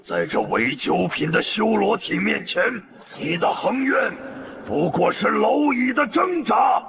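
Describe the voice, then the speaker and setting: A booming arrogant demon sect master. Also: male voice, sing-song, unhurried, creaky, crowd noise, full character voice. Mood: gloating. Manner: booming, haughty, theatrical shouting.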